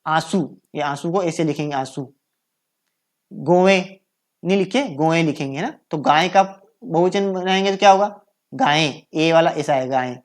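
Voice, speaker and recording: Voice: mid-range voice, moderate pace. A Hindi grammar teacher giving a lesson, patiently repeating each correct form and asking and answering their own questions. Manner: frequent self-corrections and trailing "है ना" checks. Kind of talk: recorded online grammar lesson.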